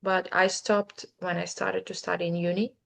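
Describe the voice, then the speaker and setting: A native Ukrainian speaker in her twenties, with a Ukrainian accent, chats casually as an interview guest, thoughtful and hesitant, with many fillers and restarts. Her voice is on the low side and a bit bright, with vocal fry and a flat delivery at normal speed.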